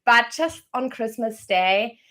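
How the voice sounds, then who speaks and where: A German career coach hosts a live-streamed interview, her voice on the high side, a bit bright, expressive and slow. She opens in an upbeat, welcoming manner with an intro that sounds scripted.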